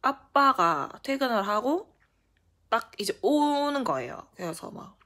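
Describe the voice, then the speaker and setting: A young woman recounts a childhood tale to the camera in relaxed storytime fashion. Her pitch swings freely from low murmurs to bright peaks, and she pads her sentences with casual fillers. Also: measured pace. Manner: animated, lots of fillers. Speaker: vlogger.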